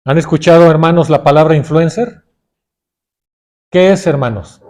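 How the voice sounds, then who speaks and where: A man's voice: a little high, normal speed, darkish tone. A middle-aged man with a Mexican Spanish accent preaching a sermon, often calling his listeners brothers and putting questions to them.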